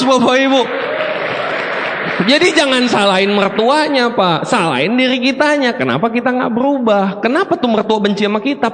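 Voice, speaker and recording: Middle-aged guy doing a motivational seminar, bouncy high voice, big hall echo. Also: slight background noise. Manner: animated, joking storyteller addressing the audience. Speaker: motivational speaker. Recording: long hall reverb.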